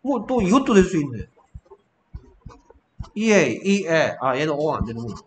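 A high-pitched man tutors a single student, nagging and prodding for answers, asking questions again and again. A faint hiss of noise sits under the voice. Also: sing-song, moderate pace. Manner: scolding, repeatedly prompting with "어?". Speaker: English tutor. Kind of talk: one-on-one spelling lesson.

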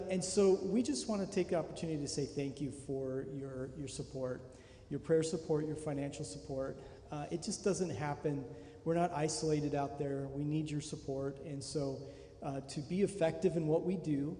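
A middle-aged missionary man speaks earnestly into a handheld mic and stumbles over his words. His tone is mellow and a bit high for a man. The sound rings around a roomy, reverberant church with a faint hiss behind it. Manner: earnest, halting, repeats words. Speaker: missionary pilot. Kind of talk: church guest address. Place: large church sanctuary. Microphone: handheld microphone. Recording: echoey church hall with faint noise.

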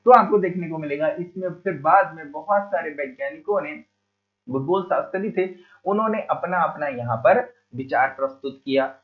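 A man's voice: on the high side, normal speed. A man giving a geography lesson, often repeating key terms and putting questions to the class, casually calling his listeners "brother.". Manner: casual, addresses listeners as "bhai". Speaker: teacher. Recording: phone-like narrow sound.

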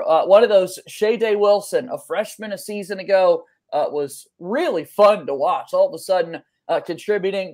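A young adult man hosts a sports podcast conversationally over a video call from a small room at home. His voice sits high with a darkish tone.

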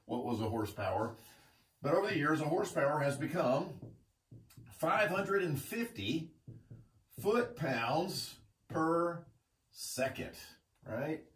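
A man in his fifties teaching engineering at a whiteboard, lively and joking with his students, recorded in a classroom. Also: on the high side. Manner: joking, animated, teasing students. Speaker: engineering instructor. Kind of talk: whiteboard lecture. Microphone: camera mic from across the room. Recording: echoey classroom, mic from far off.

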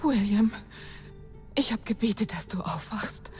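A woman playing a tender, worried young wife in a video game, speaking softly and emotionally. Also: a little high, normal speed, natural voice. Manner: soft, emotional, pleading. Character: tender, worried pregnant wife of a resistance fighter. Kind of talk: German video game dub acting. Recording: music behind the voice.

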